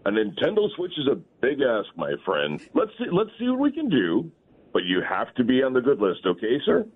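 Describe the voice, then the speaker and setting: A man playing a jolly old Santa Claus as a guest on a morning radio show, chuckling and fatherly as he gently scolds the children. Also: medium pitch, huge pitch swings, brisk, husky. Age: older. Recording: phone line.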